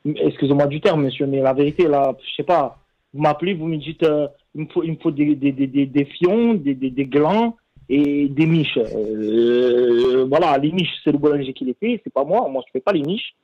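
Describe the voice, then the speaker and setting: Play a stammering pastry chef with a Marseille accent, voice a touch high, heard over a muffled phone line; keep tripping over and repeating words. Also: male voice, moderate pace. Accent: Marseille, southern French. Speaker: pastry chef taking a prank call.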